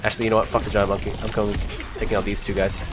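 Speaking very fast in a lowish voice with little pitch movement, a young gaming host with a stuffy cold chats casually over his gameplay. He laughs and swears at near misses. Clear game music and sound effects run underneath, and there's background noise.

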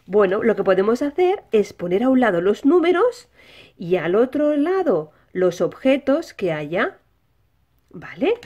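A woman's voice: medium pitch, big pitch swings, measured pace, mellow. A woman with an accent from Spain hosting a simple children's lesson, talking as if to small children, with questions she answers herself. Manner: child-directed, asks questions and answers them. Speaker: host of a children's toy channel.

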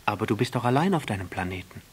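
A man's voice: fairly low pitch, lively intonation, racing, breathy edge. A man voicing a small, earnest boy prince in an audiobook reading, asking simple, curious questions. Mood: wondering.

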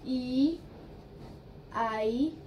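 A woman's voice: high voice, drawn-out words, muffled recording, slight background noise. A woman teaching basic English, patiently spelling words letter by letter and mixing in Hindi. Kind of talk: spoken English lesson.

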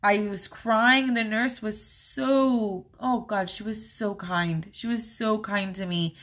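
On her own vlog, a woman casually tells a personal story, rambling and chatty with plenty of "like" and "um" fillers, and she turns open and emotional as she recalls events. Her mid-range voice is steady, slow-paced, and a bit bright.

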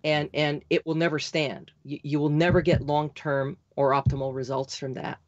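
Rapid-fire, insistent woman guest. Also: low voice, steady tone, no echo, highs cut off. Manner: insistent, rapid, talks like an auctioneer. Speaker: podcast guest. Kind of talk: fast, emphatic interview talk.

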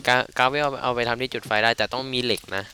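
A man's voice: medium pitch, steady tone, fast, pushed and bright, slight background noise. A man casually commenting on his game playthrough, joking and swearing as he goes. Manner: crude, joking, rambling. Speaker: gamer. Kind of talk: casual let's play commentary.

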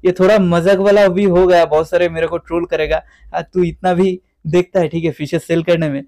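A man's voice: sits high, little pitch movement, a little fast, darkish tone, dry recording. A young man from West Bengal giving a casual video tour of his guppy breeding tanks, chatting on and on and mixing English words into his Hindi. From West Bengal, India. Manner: chatty, repeats "theek hai" often. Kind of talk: casual vlog walkthrough.

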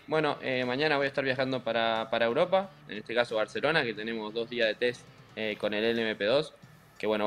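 A man with an Argentine accent, a racing driver being interviewed, talking in a relaxed, joking way with many fillers and restarts. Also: medium pitch, clean tone. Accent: Argentine Spanish. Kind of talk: casual interview chat.

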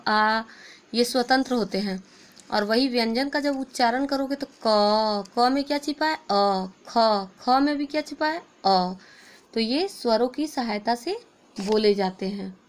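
A woman teacher with an Indian accent, giving a classroom lesson and pronouncing each letter with slow, drawn-out care. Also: on the high side, poor audio.

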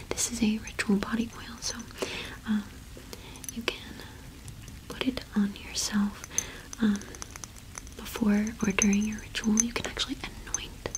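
A young adult ASMR performer whispers in a roleplay as a cottage witch shopkeeper, speaking close to the microphone. She is slow and gentle, with little pitch movement and frequent pauses. The audio quality is poor.

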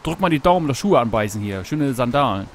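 A man casually commenting on his gameplay while fishing, talking to himself, greeting animals in the game, and yelping excitedly at each catch. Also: mid-range voice, fast, a little hiss or hum. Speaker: Let's Play host. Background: background game music.

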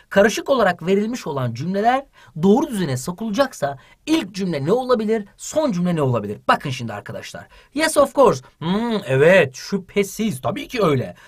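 A man teaching English to children in an online lesson, reading English lines and translating each into Turkish with lively energy. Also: high-pitched, breathy edge.

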